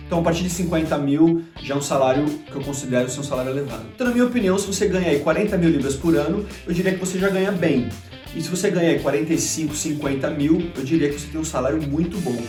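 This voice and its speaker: Talking very fast, a Brazilian YouTube host chats to camera in a casual vlog, his Brazilian Portuguese accent clear and his speech full of fillers. His voice is a little high and a little mellow, picked up from a distance with roomy echo and faint background music.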